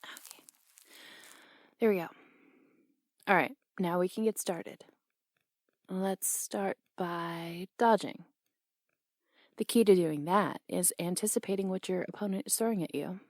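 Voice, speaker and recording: A young woman voicing a brash, teasing tomboy boxing coach in an audio role-play, blunt and quick to laugh. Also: lowish voice, dry recording, clean studio sound.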